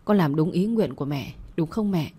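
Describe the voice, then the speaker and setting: A man's voice: fairly high pitch, animated, moderate pace, mellow, husky. A woman voicing an impulsive, playful young man who speaks teasingly and tenderly. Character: impulsive young groom, playful alter ego.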